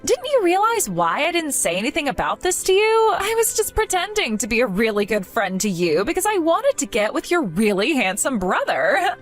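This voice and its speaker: A young woman voicing a scornful, two-faced young woman who mocks and laughs at her friend. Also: fairly high pitch.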